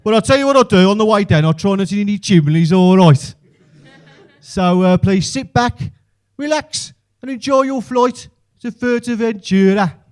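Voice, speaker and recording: A man's voice: high voice, moderate pace, darkish tone, clear, resonant tone, pitched above the performer's own voice, natural voice. A man voicing a cheery, clueless airline pilot with a Birmingham Brummie accent, making a hesitant, over-friendly announcement in a stand-up bit. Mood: cheery, bumbling. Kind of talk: stand-up comedy character bit.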